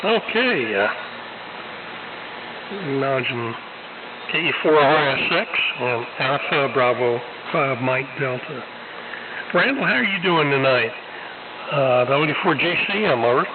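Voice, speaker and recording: A man's voice: mid-range voice, measured pace, pauses often. A man talks in an easy, folksy way as he runs a ham radio check-in net. His voice comes through a narrow, tinny radio band. Heavy static hisses underneath. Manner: relaxed, folksy, chatty. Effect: radio transmission with static. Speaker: net control operator.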